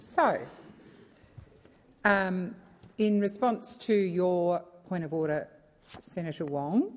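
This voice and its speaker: A woman's voice: lowish voice, a little mellow. A woman with an Australian accent presiding formally over parliament, firmly keeping order among interjecting senators. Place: large indoor parliamentary chamber. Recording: echoey parliamentary chamber.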